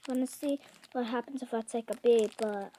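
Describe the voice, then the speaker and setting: A woman with a high, softly mellow voice talks to the camera in a casual vlog while eating sour candy. She goes slowly and hesitantly, pausing often on filler words. Faint noise sits behind her. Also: fairly even intonation. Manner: hesitant, with many pauses and ums. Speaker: amateur video blogger.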